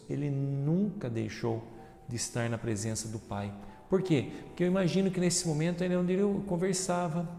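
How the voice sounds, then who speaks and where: A man with a Brazilian Portuguese accent, a deacon reading the Gospel and preaching earnestly, calling his listeners brothers and sisters, moving between hushed reflection and loud emphatic passages. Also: mid-range voice, gravelly. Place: large church sanctuary. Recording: roomy church reverb with soft music.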